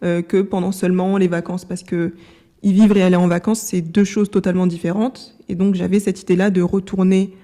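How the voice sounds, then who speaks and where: A young woman in her twenties from France answers interview questions calmly, with a few fillers. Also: lowish voice, a little fast. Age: 20s. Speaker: interview guest. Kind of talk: conversational interview.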